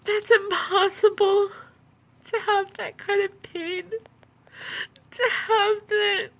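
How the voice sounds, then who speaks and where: Tearful, high-voiced woman, halting. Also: flat delivery, fairly bright tone. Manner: halting, hesitant, repeats phrases. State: tearful, upset, as after crying. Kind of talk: personal video monologue about own experiences.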